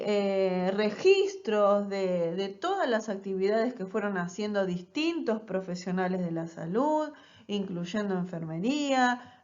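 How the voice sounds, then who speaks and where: Woman, nursing lecturer, explanatory, rhetorical check-ins, muffled lo-fi audio. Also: mid-range voice. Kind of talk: recorded online class.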